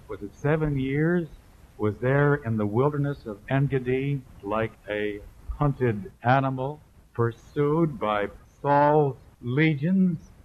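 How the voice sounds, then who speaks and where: A man's voice: mid-range voice, a little hiss or hum. A male pastor preaching a sermon at a church service, emphatic and building through repetition, heard on an old tape. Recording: muffled phone-like old tape.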